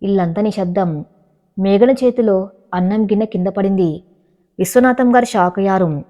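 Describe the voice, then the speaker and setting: A woman's voice: medium pitch, moderate pace, dark tone. A woman narrating a family drama as a scripted audio book, in a plain storytelling read. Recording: dull lo-fi recording.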